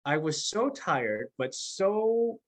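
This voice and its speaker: A man with a fairly high voice tells a story on a podcast, animated and emphatic. He is a coach and a guest, and he acts out the lines of the people he describes. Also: slow pace. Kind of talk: conversational storytelling. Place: podcast interview.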